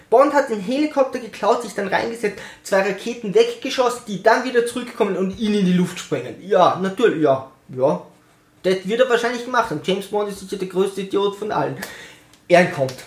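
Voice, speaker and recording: A man, ranting sarcastically about a film and mimicking its characters in quick asides. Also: sits high. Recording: echoey room.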